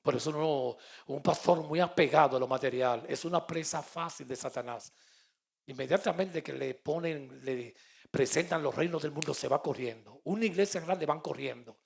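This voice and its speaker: A middle-aged man with a Puerto Rican accent, a pastor preaching a sermon and telling stories, moving between loud and soft. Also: fairly high pitch, moderate pace, creaky. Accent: Puerto Rican Spanish. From Puerto Rico. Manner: storytelling with quoted dialogue, swings between loud and soft.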